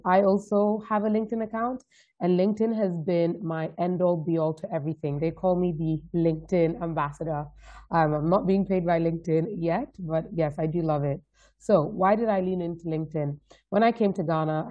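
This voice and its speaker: A Danish woman in her thirties, with a low, dark voice, is a guest speaker giving a webinar presentation. She's upbeat and direct, often checking in with "right?" as she goes. The video call audio is dull and lo-fi.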